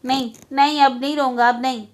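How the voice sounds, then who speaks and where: A woman's voice: on the high side, animated, normal speed, natural voice. A woman voicing a small boy grieving for his dead mother, pleading and insistent. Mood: tearful.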